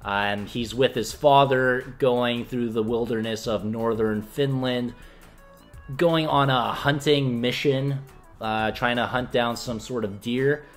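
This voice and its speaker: A young man co-hosts a casual movie review chat in a small indoor room with faint music in the background. He speaks at a slow pace in a steady, medium-pitched voice.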